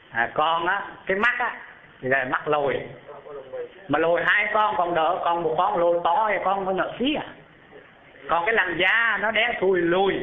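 A man delivers a storytelling sermon in a slightly high voice, quizzing his listeners as he goes and climbing sharply in pitch for emphasis. The recording sounds thin and phone-like. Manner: animated, asks the audience questions, rises high when describing. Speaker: Buddhist preacher telling a story. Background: live audience.

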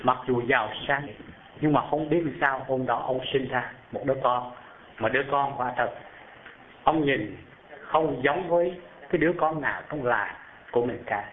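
A man preaching and telling a Buddhist story to an audience, often asking them questions and lifting his voice high as he describes things. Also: normal speed. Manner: animated, asks the audience questions, rises high when describing. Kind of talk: storytelling sermon. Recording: tinny phone-like sound. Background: live audience.

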